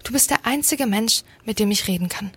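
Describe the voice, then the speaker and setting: A woman's voice: on the high side, a little fast, a bit bright, slightly rough. Woman doing a lonely young ghost woman.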